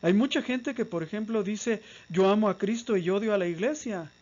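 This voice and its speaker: High-voiced man lecturing with rhetorical questions. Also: moderate pace, a little mellow, lo-fi sound. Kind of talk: apologetics lecture.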